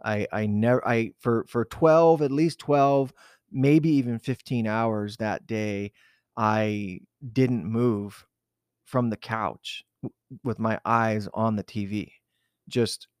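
Guy from southern arizona thinking back out loud, lots of ums and restarts, slowish, smooth lowish voice. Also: no echo, studio quality. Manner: hesitant and reflective, many fillers and restarts. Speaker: interviewee recalling a personal memory. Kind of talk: unscripted oral-history recollection.

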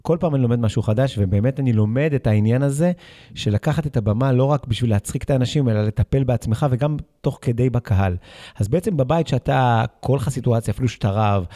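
A man's voice: mid-range voice, warm tone. A middle-aged man hosting a casual interview who reflects thoughtfully. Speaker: interviewer host.

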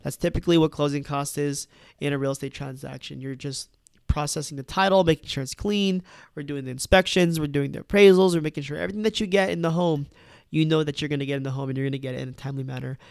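A man, stuffed up from a cold, talks through home-buying advice in a relaxed, chatty way. His voice sits a bit high and has a gravelly edge, and the sound is dry and close. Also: quick pace, no echo. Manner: conversational, tags points with "right?" and "you know". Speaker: real estate agent. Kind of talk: casual advice talk to camera.

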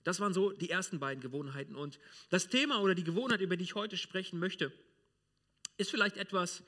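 Casting: male pastor from Germany, high bright voice, lively and direct sermon delivery in church. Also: fast. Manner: lively, direct, addresses the congregation informally.

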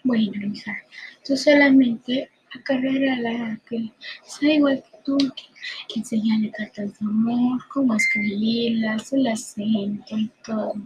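A woman voicing a gentle ghostly mother, hushed and tender. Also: a little high, noisy background, natural voice.

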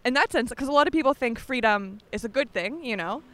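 A woman's voice: on the high side, animated, fairly quick, a bit bright, no room sound. A woman from Canada co-hosting a church podcast, chatting casually with fillers and interviewing people on the street. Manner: friendly, chatty, many fillers.

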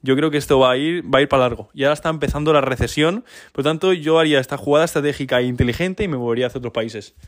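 A man's voice: medium pitch, rapid-fire. A man in his twenties from Spain, chatting informally as a podcast host and giving business advice, with frequent tag questions. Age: 20s. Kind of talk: casual business podcast monologue.

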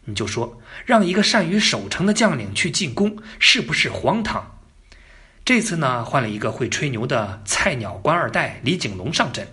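A man's voice: mid-range voice, sing-song, normal speed, bright, forceful tone. A man telling history as a casual story, colloquial and joking, with asides to the listener. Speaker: narrator.

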